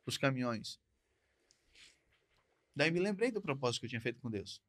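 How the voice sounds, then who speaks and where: A man's voice: mid-range voice, big pitch swings, normal speed, a bit bright, no room sound. A man, a truck driver and podcast guest, telling a personal story in a casual, repetitive way, often tagging phrases with short questions. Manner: repetitive, conversational, frequent tag questions. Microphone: podcast studio mic.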